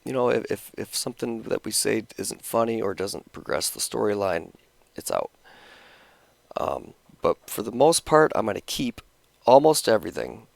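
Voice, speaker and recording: A man's voice: fairly low pitch, expressive, moderate pace, gravelly, dry recording. A man casually explaining how he edits his video, rambling and restarting his sentences with a cigarette in his mouth. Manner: rambling, self-interrupting, talking around a cigarette.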